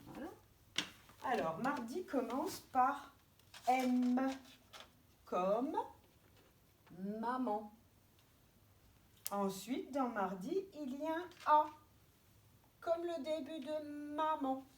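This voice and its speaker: A woman kindergarten teacher with a French accent giving a remote lesson to young children, spelling out letters and syllables slowly and clearly. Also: sits high. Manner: slow, deliberate, stretching out syllables and letters. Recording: distant mic with faint background noise.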